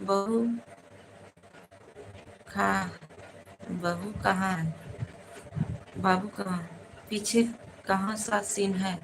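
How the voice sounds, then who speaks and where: A woman's voice: mid-range voice, fairly even intonation, drawn-out words, vocal fry, long pauses. A woman, chatting casually on a phone live stream, greeting viewers by name and asking for their support. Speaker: live-stream host and folk singer. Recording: faint background noise.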